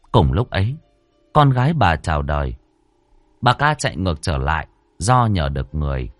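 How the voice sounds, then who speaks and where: A man narrating a ghost story in a dramatic, expressive reading style. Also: on the low side, dry recording.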